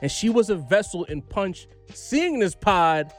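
A man with a high, very lively American voice hosts a casual hip-hop podcast. He ribs loudly and opinionatedly, swearing and repeating phrases for emphasis, over faint music. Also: a little slow. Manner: slangy, profane. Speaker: podcast host.

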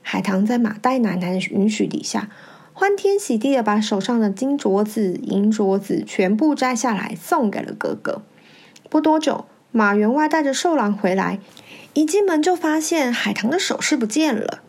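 A woman narrating a classic storybook tale in a lively, expressive way. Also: fairly high pitch, normal speed.

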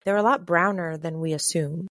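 A woman from the Caribbean, co-hosting a podcast in casual chat, chatty and quick to laugh. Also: fairly low pitch, fairly even intonation, fairly bright tone, no echo, studio quality. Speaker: podcast co-host.

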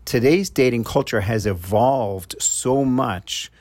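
This middle-aged man, a love coach with a New York accent, offers rambling advice to podcast listeners. He speaks conversationally and slowly in a medium-pitched, darkish voice, with frequent "uh" fillers and false starts.

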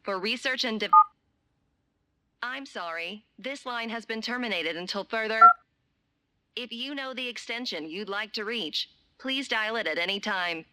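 A woman voicing an automated office phone menu, with a measured, polite, impersonal delivery. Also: on the high side, pushed and bright, smooth. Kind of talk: recorded phone menu announcement.

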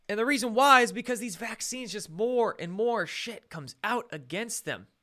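A man's voice: a little high, bright, forceful tone, smooth. A male host doing live-stream commentary, ranting with sarcasm and frequent swearing.

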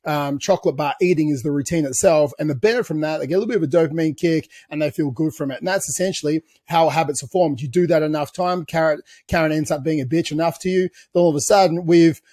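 Husky-voiced man explaining. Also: fairly high pitch, quick pace, few pauses, darkish tone, no room sound, studio quality. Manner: explains at length, with restarts and "you know" asides. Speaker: podcast co-host. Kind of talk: casual podcast chat.

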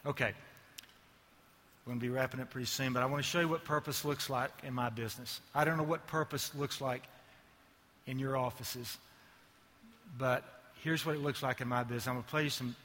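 A man's voice: medium pitch, fairly even intonation, a little fast, fairly bright tone, slight background noise. Joking man on a big hall stage. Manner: joking, self-mocking asides. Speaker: ad agency executive giving a keynote. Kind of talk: conference keynote talk.

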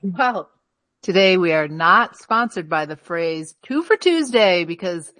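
A woman's voice: lowish voice, animated, unhurried, fairly bright tone, no room sound. A woman co-hosting a casual podcast, teasing the others in a wry, matter-of-fact way. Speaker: podcast co-host. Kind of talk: casual chat.

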